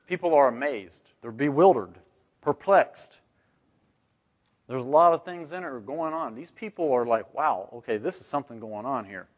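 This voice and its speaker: This Bible study leader teaches scripture casually to a group at normal speed in a mid-range voice. He talks conversationally, asks rhetorical questions and checks in with "right?", all in muffled, dull lo-fi audio.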